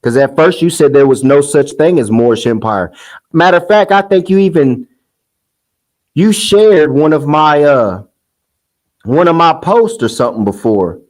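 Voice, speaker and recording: A man's voice: a little high, lively intonation, moderate pace, darkish tone, poor audio. A man hosting a casual commentary monologue, heated and scoffing, rambling with restarts. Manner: sing-song mocking quotes. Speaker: commentary host.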